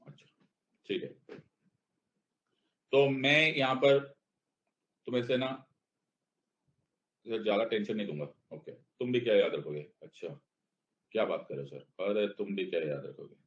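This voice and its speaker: A man's voice: on the low side, unhurried, long pauses, a bit bright. A man teaching a class in a playful way, answering his own questions in students' voices and checking again and again that everyone understands. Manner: keeps asking if students understand. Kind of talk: classroom lecture. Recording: dull lo-fi sound.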